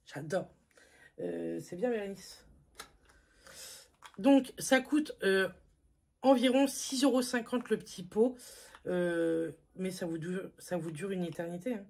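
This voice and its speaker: A woman's voice: mid-range voice, takes it slowly, vocal fry, pauses often, a little mellow. A woman beauty vlogger talking casually through a makeup haul at home, chatty and self-mocking, with lots of fillers.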